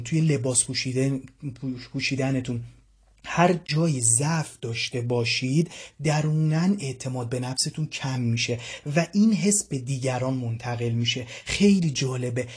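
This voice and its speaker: A man's voice: medium pitch, darkish tone, slightly rough. A man in his thirties giving an informal self-help lesson as a communication coach, conversational, full of everyday examples and fillers.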